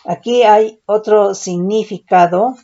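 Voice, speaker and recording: Slow, mellow-voiced woman teaching scripture. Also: medium pitch. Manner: slow, deliberate, checks in with "¿sí?"; reads scripture and word lists aloud. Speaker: preacher. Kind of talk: Bible teaching. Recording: dull lo-fi recording.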